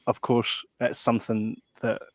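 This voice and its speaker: A man's voice: mid-range voice, completely flat delivery, unhurried, dry recording. A man hosting a casual podcast chat, enthusiastic and rambling with lots of restarts. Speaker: podcast host.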